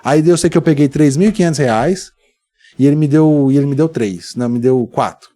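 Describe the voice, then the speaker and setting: Fast-talking Brazilian man telling stories. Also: a little high. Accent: Brazilian Portuguese. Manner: animated, acts out dialogue in his stories. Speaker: guest. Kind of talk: storytelling in a casual podcast interview.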